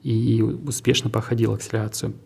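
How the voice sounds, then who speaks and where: A man with a low, gravelly, husky voice of dark timbre answers interview questions. He heads a tech park and speaks in a measured, businesslike way, sometimes restarting his phrases. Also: little pitch movement.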